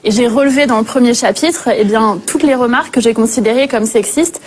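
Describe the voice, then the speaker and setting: A woman in her thirties, a politician guest in a TV studio, explaining her views calmly with frequent fillers. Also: a little high, brisk, slight background noise. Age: 30s. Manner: composed, articulate, frequent "euh" fillers. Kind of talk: studio talk show interview.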